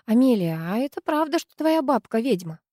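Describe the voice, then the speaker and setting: A woman's voice: a little high, sing-song, normal speed, mellow, no echo, clean studio sound, pitched above the performer's own voice. A woman voicing a curious, somewhat unsure teenage girl in an audiobook, speaking hesitantly.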